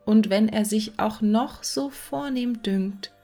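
A woman reading a fairy tale aloud, slowly, sometimes half in a whisper. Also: medium pitch, warm tone, soft background music. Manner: slow, at times half whispered. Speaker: narrator.

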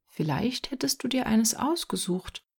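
A woman voicing a kindly man who gently coaxes a boy in a storybook reading, speaking softly and often half-whispered. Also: fairly high pitch, sing-song, measured pace, gravelly, husky, pitched above the performer's own voice, exaggerated voice. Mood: coaxing. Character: kindly bow-legged man with a rabbit basket.

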